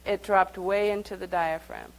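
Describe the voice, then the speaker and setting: A woman's voice: medium pitch, fairly even intonation, moderate pace, gravelly, poor audio. A woman leading a live workshop, speaking conversationally and guiding the group through exercises. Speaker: workshop teacher.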